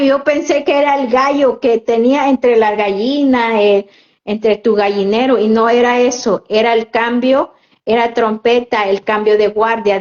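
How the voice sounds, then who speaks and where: A woman lay preacher from Oaxaca, Mexico, speaks Chatino slowly and earnestly on a live stream, offering a Bible reflection and reading out viewer comments. Her voice is fairly high and a little mellow, and she takes her time, chatting with viewers between stretches of preaching. The live-stream audio sounds muffled.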